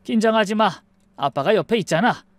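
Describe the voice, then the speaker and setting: A woman's voice: medium pitch, lively intonation, a little fast, no echo, voice pushed up, natural voice. A woman voicing a doting father of the bride who sounds affectionate and reassuring, in a dry recording.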